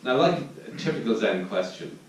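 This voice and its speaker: A man with an Irish accent gives a dharma talk, his voice sitting a little low as he searches thoughtfully for his words. The mic is set back from him, and the meditation hall adds a strong echo with faint noise underneath. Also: very animated, normal speed. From Ireland. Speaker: Zen teacher giving a dharma talk. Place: meditation hall at a retreat centre. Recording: distant mic in a very echoey room with faint noise.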